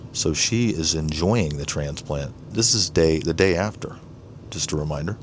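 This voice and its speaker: Eager deep-voiced man showing his grow tents. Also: normal speed, a little hiss or hum. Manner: enthusiastic, keeps saying "ladies and gentlemen". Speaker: home grower vlogger. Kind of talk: casual show-and-tell vlog. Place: indoors beside grow tents.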